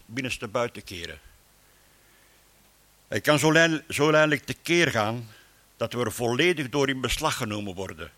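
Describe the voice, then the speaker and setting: A man leads a church sermon, starting with a prayer and moving into a Bible reading and teaching. He speaks in an earnest, measured way, sometimes restarting words mid-phrase. His voice sits at an ordinary middle pitch. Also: a bit bright. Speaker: preacher.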